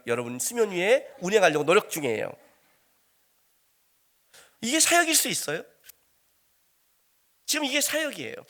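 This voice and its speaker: A man's voice: sits high, fairly bright tone. A middle-aged man preaching a sermon as pastor, talking conversationally and firing rhetorical questions at the congregation.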